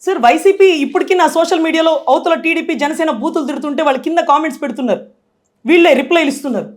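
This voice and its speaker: A woman giving an impassioned, forceful political interview as a guest, speaking with strong emotion. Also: high voice, racing. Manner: impassioned, forceful, tearful at times.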